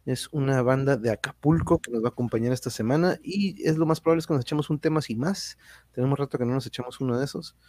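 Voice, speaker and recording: Husky Mexican man hosting a casual livestream. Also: medium pitch, quick pace, darkish tone. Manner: informal, rambling, slangy. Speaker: livestream host. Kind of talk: casual chat with viewers.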